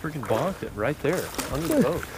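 A young man on a bass boat, tossing out short, laid-back remarks to his fishing partner. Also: sing-song, fairly quick, darkish tone, slight background noise, rough recording. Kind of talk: casual chat while fishing. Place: outdoors on a bass boat on a lake.

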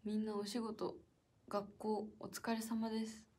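A young woman hosting a casual solo livestream. She is chatty and playful, reads out viewer comments, laughs often and sometimes drops to a soft whisper. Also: mid-range voice, monotone, a little slow. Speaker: idol livestream host. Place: indoor room with a piano.

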